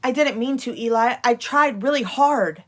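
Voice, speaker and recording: A woman's voice: a little high, moderate pace, voice pushed up, natural voice. Storybook wooden puppet man, small, unsure of himself, pleading and hesitant played by a woman. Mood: timid, apologetic. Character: timid, self-doubting little wooden puppet man.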